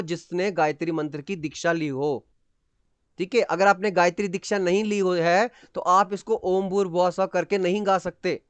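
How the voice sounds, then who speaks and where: A man teaches an astrology class over a video call, explaining patiently, mixing in English terms and checking that his students follow. His voice is high-pitched and smooth, with no echo.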